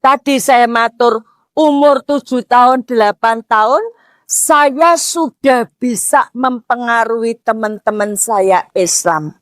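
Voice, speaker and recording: A woman in her sixties with a Javanese accent preaching a mosque sermon, posing rhetorical questions and rising to emphatic near-shouts. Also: fairly high pitch, slow, no room sound, clean studio sound. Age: 60s. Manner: slips Javanese words into talk.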